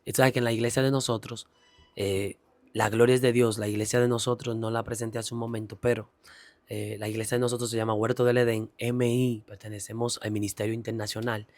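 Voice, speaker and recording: Brief: mid-pitched male guest sharing his testimony, earnest, preachy swells, dry close sound. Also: little pitch movement, fairly quick, a little mellow, dry recording. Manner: earnest, rising into preacher-like emphasis. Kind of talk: personal testimony, preaching cadence.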